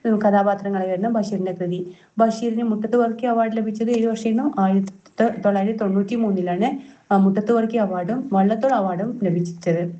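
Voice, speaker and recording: Woman tutor running quiz drills, repeats each answer; warm tone, muffled lo-fi sound. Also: mid-range voice, steady tone, fairly quick. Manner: repeats each answer, self-corrects with fillers. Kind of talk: reading out quiz questions and answers.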